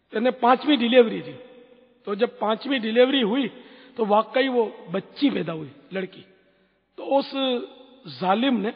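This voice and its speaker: A middle-aged man answers religious questions, telling stories with earnest exclamations. His voice sits high and a little husky. The recording is lo-fi and rings with a long hall echo.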